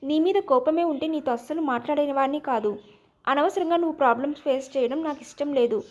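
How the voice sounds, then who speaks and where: A woman's voice: high voice, fast, a little mellow, close to an everyday voice. A woman voicing a young husband and father who is teasing and exasperated, with a playful, pleading manner, in a storybook reading.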